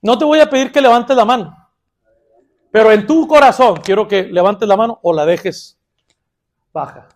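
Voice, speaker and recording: Male pastor, strikingly high voice, sermon with playful asides. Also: moderate pace, long pauses. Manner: playful, swings between loud emphasis and quiet asides.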